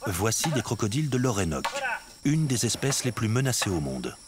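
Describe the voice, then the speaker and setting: A man's voice: on the low side, very animated, a little fast. A man reading scripted nature documentary narration. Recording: music behind the voice.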